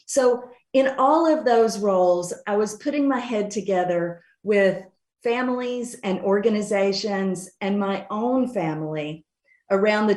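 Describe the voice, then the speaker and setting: Middle-aged woman, Appalachian mountain accent, conversational interview guest, medium pitch, roomy echo. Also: darkish tone. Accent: Appalachian, Western North Carolina. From Western North Carolina mountains, USA. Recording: roomy, echoing sound.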